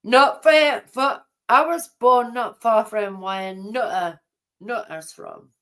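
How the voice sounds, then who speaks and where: Woman, middle-aged, unhurried, chatty livestream talk, rambling. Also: on the high side, a bit bright. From Newcastle, England. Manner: rambling, chatty, answers viewers' comments aloud. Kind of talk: casual chat.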